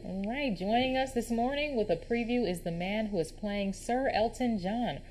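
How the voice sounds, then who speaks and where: A woman's voice: a little high, moderate pace, darkish tone, a little hiss or hum, rough recording. Female morning co-anchor, curious interviewer. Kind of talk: TV news chat.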